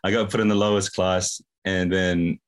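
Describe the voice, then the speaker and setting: A young man telling stories about his schooling as a podcast guest, relaxed and slangy, chuckling often. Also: sits low, moderate pace. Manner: laid-back slangy chatter with frequent laughs. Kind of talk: casual storytelling.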